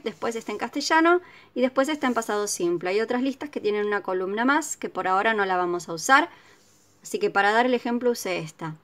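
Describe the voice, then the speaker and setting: A woman teaching a recorded video lesson, her voice sitting a little high. She explains step by step at an unhurried, patient pace, pausing often to ask whether her students follow. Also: a bit bright. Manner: patient, explanatory, keeps checking with "¿sí?". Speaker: English teacher.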